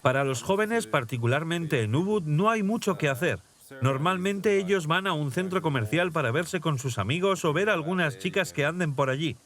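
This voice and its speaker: A man dubbing a reflective young prince in a documentary, speaking in a calm, even-tempered way. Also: fairly high pitch, normal speed. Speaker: dubbed interviewee voice-over. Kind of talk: documentary dub voice-over.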